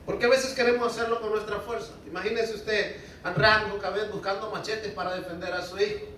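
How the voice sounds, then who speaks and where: High-voiced man preaching in an echoey hall. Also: fairly even intonation, a little fast, sharp tone, distant mic, slight background noise. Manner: conversational preaching, often asks the congregation to respond. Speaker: pastor. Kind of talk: sermon. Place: church hall.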